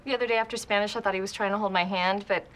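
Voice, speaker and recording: A woman's voice: medium pitch, steady tone, very fast, a bit bright, lightly acted, rough recording. An actress playing an eager, earnest young female student. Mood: wistful. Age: young adult. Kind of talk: sitcom acting.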